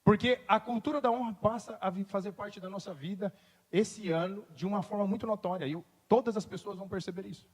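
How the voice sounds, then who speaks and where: A man's voice: high voice, fairly quick, slightly rough. A man, a pastor preaching a sermon, moving from conversational storytelling to emphatic declarations. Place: church. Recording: long reverb in a church hall.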